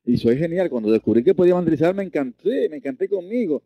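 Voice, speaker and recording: A man's voice: animated, fast, no room sound, muffled recording. A man teaching a Reiki lesson, earnest, often repeating and restarting his words. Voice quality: deep voice. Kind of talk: online lesson.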